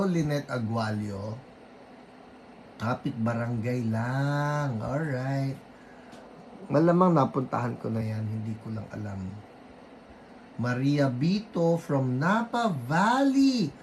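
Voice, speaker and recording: A Filipino man leads an online healing service at an unhurried pace, reading out viewers' names in a mix of Tagalog and English. He keeps his voice low to spare it, then breaks into firm prayers against sickness. A faint noise sits under the recording. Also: rough recording. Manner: greets viewers by name, mixing Tagalog and English; rebukes illnesses in forceful prayer bursts. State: keeping his voice low after weeks of voice trouble. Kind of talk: livestream greetings and prayer.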